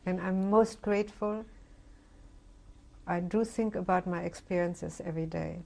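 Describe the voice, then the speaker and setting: An older woman with a gravelly, slightly rough voice speaks in a reflective, halting way, often restarting her sentences. She gives her oral history testimony in an interview. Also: fairly low pitch, steady tone, darkish tone. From Germany. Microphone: interview recording.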